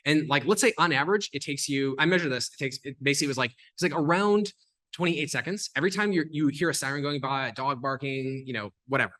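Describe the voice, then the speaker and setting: A man talking as a podcast guest, explaining things in a fast, animated way, full of "like" and "um" fillers. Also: a little high. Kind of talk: casual explanatory conversation.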